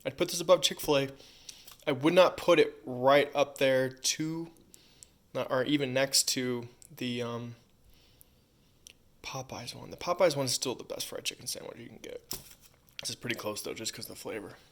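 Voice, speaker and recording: A man's voice: mid-range voice, moderate pace, long pauses. Man reviewing food between crunchy bites. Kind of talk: casual food review to camera.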